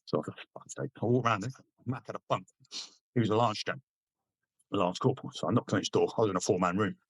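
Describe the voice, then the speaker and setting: A man's voice: fairly low pitch, fast talker, husky, no room sound. A middle-aged man, a veteran guest, telling laddish anecdotes casually and swearing freely. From Britain. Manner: laddish, swears freely, acts out quoted lines. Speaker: podcast guest, army veteran.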